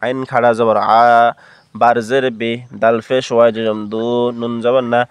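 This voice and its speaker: A man teaching Quran reading, spelling out letters and vowel marks one by one and then chanting the words slowly and drawn out. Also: mid-range voice, little pitch movement, clean tone, no echo. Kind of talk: slow spelled-out Quran recitation lesson.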